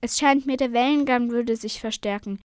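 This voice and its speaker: Gruff old bearded fisherman, read by a woman. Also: a little high, moderate pace, dry recording, clean studio sound, natural voice. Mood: calm. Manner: grumbling, mumbling.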